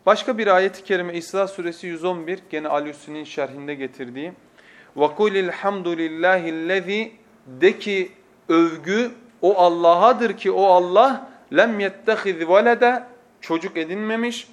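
A man preaching from a pulpit microphone, teaching with passion and moving from hushed tones to emphatic oaths, with quick scriptural recitation. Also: high-pitched. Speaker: preacher teaching a lesson series. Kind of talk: sermon lecture.

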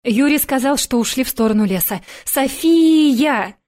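A stern, hot-tempered boss and father from an audiobook, as the woman reading it puts him on. He bellows names at full volume, and his tone stays mellow and dark underneath the gruffness. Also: high voice, lively intonation, measured pace, pitched above the performer's own voice. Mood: shouting. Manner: loud shouting calls.

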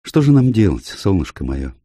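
A man's voice: sits low, big pitch swings, moderate pace, warm tone, breathy edge, no echo, clean studio sound, full character voice. A man voicing a weary, tender young woman who speaks in an affectionate, pleading way.

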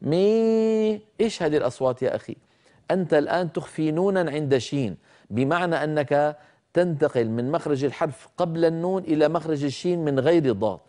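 A man teaching Quran recitation rules, explaining carefully and demonstrating sounds slowly, sometimes scolding common mistakes. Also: a little high, warm tone. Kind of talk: tajweed lesson with spoken demonstrations.

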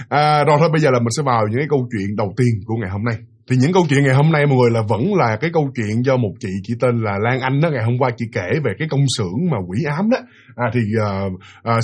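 Male ghost-story host, rapid chatty delivery, husky voice. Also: medium pitch. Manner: chatty, fast, full of fillers and tags to listeners. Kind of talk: casual storytelling narration.

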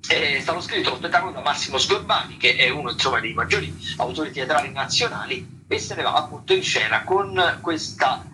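A male radio host runs through theatre listings in a loose, semi-improvised way, often hesitating and searching for words. His voice is on the high side with lively intonation, a little fast, with hardly any pauses. It's a low-quality broadcast recording with music underneath.

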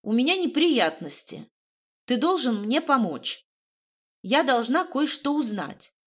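A woman's voice: sits high, big pitch swings, slow pace, breathy edge, pitched above the performer's own voice, heavily acted. A woman voicing a self-assured young woman in an audiobook, coaxing and insistent. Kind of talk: audiobook reading.

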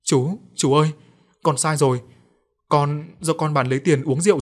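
A man's voice: a little high, fairly even intonation, moderate pace, lightly acted. A man voicing a stammering, frightened young worker. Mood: scared. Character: frightened young male worker, guilty and cowering.

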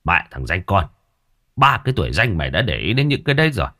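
A man voicing a gruff, foul-mouthed old village man who scolds bluntly in a spoken ghost story. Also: deep voice, very animated, fast, bright, forceful tone, full character voice. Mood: scolding.

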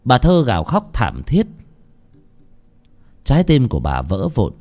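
Expressive male horror storyteller. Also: medium pitch, unhurried. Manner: dramatic, expressive. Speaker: narrator. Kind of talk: dramatic horror story narration.

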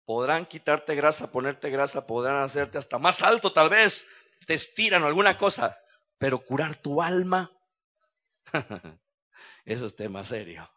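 A man preaching a fervent evangelical sermon, swinging between hushed speech and impassioned shouting, with frequent cries of hallelujah. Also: fairly high pitch, very animated, unhurried, pauses often, muffled recording.

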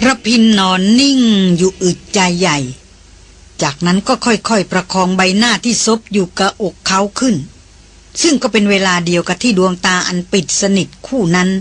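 An audiobook narrator reading a novel in a measured, unhurried way, with a husky voice. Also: mid-range voice. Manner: measured and unhurried, with drawn-out phrases.

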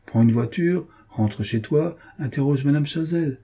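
A man reading a composed, guarded lover who answers in a measured, deflecting way, in an audiobook. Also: on the high side, mellow, slightly rough, pitched above the performer's own voice. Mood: calm.

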